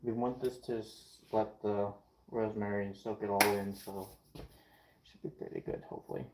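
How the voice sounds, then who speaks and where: In his home kitchen, a young man with Ukrainian/Russian as his first language cooks on stream, rambling and chatting with viewers and fielding chat mid-task. His voice is lowish and flat, at a moderate pace. The recording has kitchen echo and faint noise.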